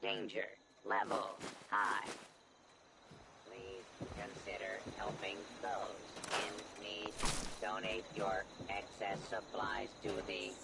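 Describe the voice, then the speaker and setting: A man voicing a dutiful male security robot through a robotic filter, making monotone announcements as its systems boot up. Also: fairly low pitch, slow, gravelly, heavy background noise, exaggerated voice. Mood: flat, robotic.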